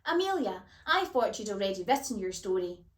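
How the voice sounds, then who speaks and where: A woman's voice: mid-range voice, very animated, fairly quick, lightly acted. A woman voicing a large young yeti who speaks cautiously and earnestly in a storybook reading. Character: large young yeti, anxious then caring. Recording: roomy echo.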